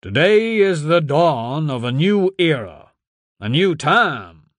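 A man voicing a male senator delivering a slow, raised speech to a crowd at a rally. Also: on the high side, sing-song, fairly bright tone, no room sound, voice pushed up, full character voice. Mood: oratorical.

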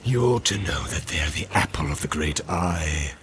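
A man's voice: rumbling low, animated, normal speed, pitched below the performer's own voice. A man voicing a sly, menacing male orc who speaks in a hissing, half-whispered way. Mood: sinister.

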